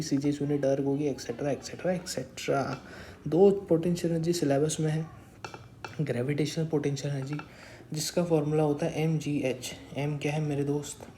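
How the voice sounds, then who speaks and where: A man's voice: fairly high pitch, warm tone, a little hiss or hum. Young male tutor in a roomy room. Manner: asks questions and answers them himself, calls listeners brother; repeats a stock phrase of agreement. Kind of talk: casual classroom explanation. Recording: roomy echo.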